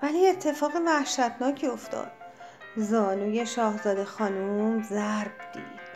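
A woman with a high voice reads a children's storybook aloud, gentle and expressive. Faint music plays under her narration.

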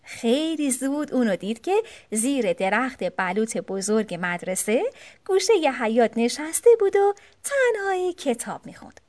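A woman narrating a children's storybook aloud with expressive delivery. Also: a little high.

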